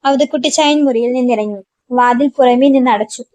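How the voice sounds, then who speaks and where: A woman narrating a novel aloud in a steady storytelling manner. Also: high-pitched, brisk, no room sound.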